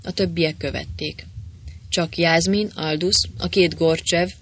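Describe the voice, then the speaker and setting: Man narrating a brisk adventure audiobook. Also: on the high side, fairly even intonation, slight background noise. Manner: brisk storytelling, voices each character. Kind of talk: audiobook reading of an adventure novel.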